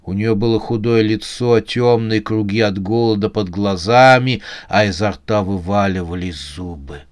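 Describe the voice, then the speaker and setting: A man reading a comic horror novel aloud as an audiobook narrator, in a steady, measured way. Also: on the low side.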